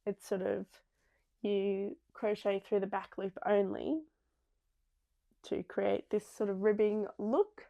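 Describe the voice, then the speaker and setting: A woman's voice: mid-range voice, fairly even intonation, takes it slowly, gravelly, dark tone, lo-fi sound. A young woman hosting a podcast, chatting casually and rambling with many ums and small restarts. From Australia. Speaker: podcast host. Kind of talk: casual chat.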